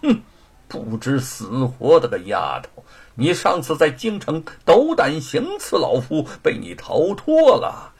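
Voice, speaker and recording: A man voicing a scheming old court minister in a storytelling performance, talking slowly and mockingly. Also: fairly high pitch, wildly swooping pitch, breathy edge, pitched above the performer's own voice, heavily acted. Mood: sneering. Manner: slow, drawn-out, sneering laugh.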